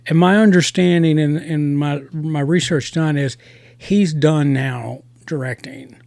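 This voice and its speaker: Gravelly man hosting a review chat. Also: a little high, darkish tone, no echo, studio quality. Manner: halting, many restarts and repeated words. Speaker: podcast host and reviewer.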